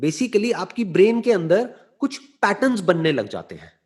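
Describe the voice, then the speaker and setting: Guy with a high voice giving a motivational talk, slow and deliberate, keeps checking you're following. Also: big pitch swings. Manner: slow, deliberate explaining with rhetorical check-ins; switches into English phrases. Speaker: motivational speaker. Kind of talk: explanatory talk answering a listener.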